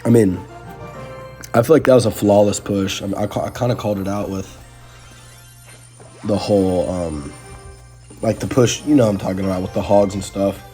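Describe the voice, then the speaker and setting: A young man giving casual, excitable live commentary on his own gameplay, talking slangily to his viewers. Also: on the low side, moderate pace, pauses often. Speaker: gaming channel host. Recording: faint music underneath.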